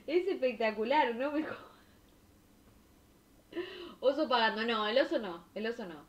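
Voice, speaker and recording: A young woman from Argentina with a Rioplatense accent, reacting to viewer stories on a stream in an expressive, slangy way. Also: fairly high pitch, moderate pace. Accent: Rioplatense Spanish. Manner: expressive, slangy, laughing and exclaiming. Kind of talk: casual chat reacting to stories.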